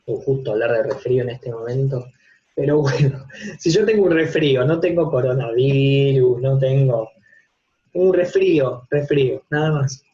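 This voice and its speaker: A man with a mid-range, slightly mellow voice and an Argentine Spanish accent gives a casual online lecture as a university psychopathology teacher. Working from a home office, he explains gradually, drawing on everyday examples and rhetorical questions. The video-call audio is dull and lo-fi.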